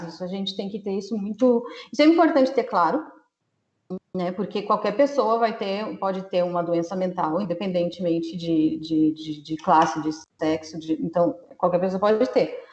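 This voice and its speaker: A woman's voice: mid-range voice, a little mellow. A woman from Rio Grande do sul, a mental health blogger speaking as a guest on a live stream, explaining earnestly with many fillers and restarts. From Rio Grande do Sul, Brazil. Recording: echoey room, muffled live-stream audio.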